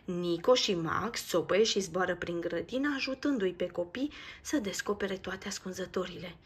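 A woman reading a children's storybook aloud in a lively, expressive way. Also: on the low side, slight background noise. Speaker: narrator. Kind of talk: storybook read-aloud narration.

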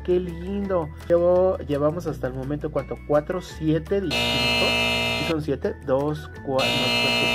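A man hosting a casual toy unboxing for viewers. He bursts into delighted exclamations and is fond of cute diminutives. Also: on the high side. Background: background music.

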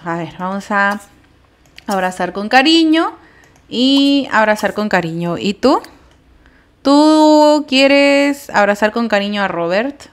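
A woman casually commenting on her life-simulation game, chatty and quick to shriek in alarm. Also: mid-range voice. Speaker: gameplay commentator. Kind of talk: casual let's-play commentary.

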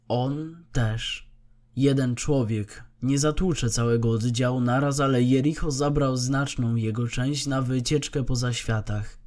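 A man narrating a dramatized post-apocalyptic audiobook with steady storytelling. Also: mid-range voice.

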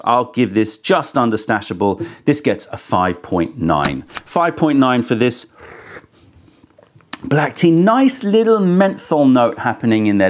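This is a casual tea review hosted by a man in his thirties, recorded on a lapel mic in an indoor studio furnished with a sofa. His voice is medium in pitch, and his take is candid, considered, and somewhat critical.

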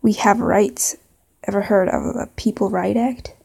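Lady doing a pushy indignant customer w/ southern drawl, comedy scene, slow n a bit husky. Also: mid-range voice, steady tone, a little mellow, heavily acted. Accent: Southern US drawl, put on. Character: indignant, pushy adult pet hotel customer. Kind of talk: scripted comedy scene read-through.

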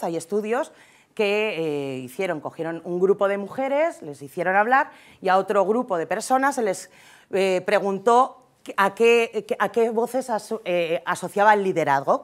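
A woman with a Spain Spanish accent giving a humorous conference talk, chatty and joking, often tagging her sentences with a quick question to the audience. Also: medium pitch. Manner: chatty, jokey, keeps tagging lines with "¿eh?". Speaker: conference speaker.

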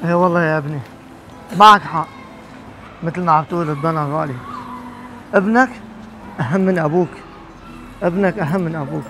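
A man's voice: a little high, a little fast, long pauses, a little hiss or hum, rough recording. A man playing an aging father in a street drama, speaking in an emotional, pleading way. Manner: emotional, pleading, rising to shouts. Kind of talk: amateur street drama acting.

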